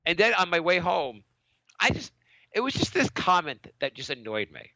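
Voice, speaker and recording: A podcast co-host with a slight cold and a bit of congestion tells a story in casual chat, animatedly acting out other people's lines in a raised voice. His voice sits high and creaky at a moderate pace, captured in a dry, dull-sounding recording.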